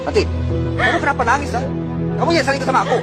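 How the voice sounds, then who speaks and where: A woman's voice: high-pitched, rapid-fire, close to an everyday voice. A woman voicing a controlling, hot-tempered drunken man in a taunting, pushy way, over background music. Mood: pressing.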